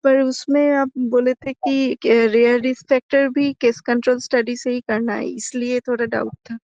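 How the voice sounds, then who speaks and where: A woman's voice: a little high, flat delivery, darkish tone, no echo. A woman student asking a hesitant question in an online class, her voice breaking up over a bad call connection. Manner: hesitant, with many pauses. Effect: breaking-up online call audio. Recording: dull breaking-up call audio.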